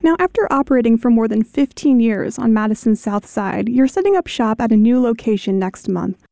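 This woman has a fairly high, mellow voice and sounds close and dry in the studio. She reads her scripted interview questions in a calm, measured way, as a radio host would. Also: dry recording. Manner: measured, clearly read questions.

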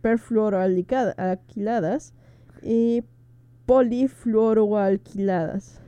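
A woman co-hosting a radio show, chatting in a relaxed way and introducing segments. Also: medium pitch, very slow, smooth, no echo, muffled recording. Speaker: radio co-host. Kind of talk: conversational radio talk.

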